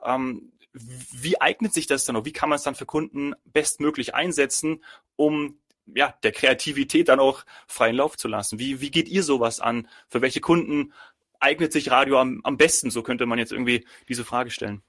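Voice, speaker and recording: A man's voice: mid-range voice, moderate pace, fairly bright tone, no echo. Dry-sounding male podcast host. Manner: rephrases questions with fillers. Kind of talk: casual interview questions.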